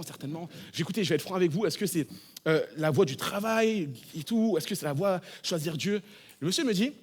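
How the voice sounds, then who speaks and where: A man in his thirties preaching a sermon as pastor, telling a story with animated swings between hushed and loud delivery. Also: a little high, breathy edge. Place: church.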